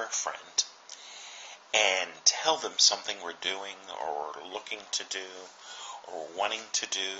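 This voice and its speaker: A middle-aged man hosting a daily motivational message, talking in an earnest, unhurried way with many pauses and fillers. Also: sits low, pushed and bright, a little hiss or hum, low-quality recording. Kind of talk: reflective motivational talk.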